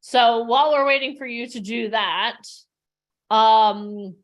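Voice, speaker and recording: Brief: upbeat, chatty woman host, slightly higher voice, speaking over a video call. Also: takes it slowly, muffled recording. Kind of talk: livestream workshop hosting.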